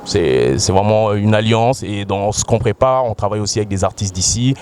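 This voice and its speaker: A man with a lowish voice, a rapper earnestly promoting his group's projects outdoors. He speaks with small hesitations, and there is a faint noise behind him. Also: normal speed, a little mellow. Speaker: rapper guest. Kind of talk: promotional talk.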